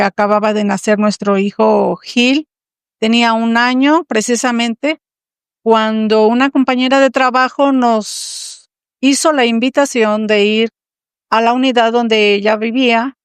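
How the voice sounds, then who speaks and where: Mexican woman, 60s, smooth and fairly high voice, earnest testimony guest. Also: dry recording, studio quality. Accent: Mexican Spanish. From Tampico, Mexico. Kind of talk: personal testimony.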